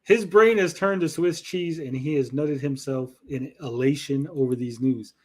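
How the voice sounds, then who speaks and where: A man's voice: medium pitch, normal speed, darkish tone. A man giving casual, profane commentary as a host, in a crude, emphatic, indignant way. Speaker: host commenting on a played recording.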